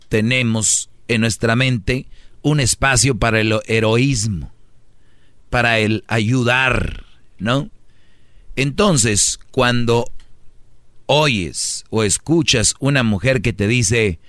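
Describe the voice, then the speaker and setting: A man's voice: mid-range voice, fairly bright tone, dry recording, clean studio sound. A man hosting a talk show, giving opinionated commentary full of rhetorical questions and acted-out quotes.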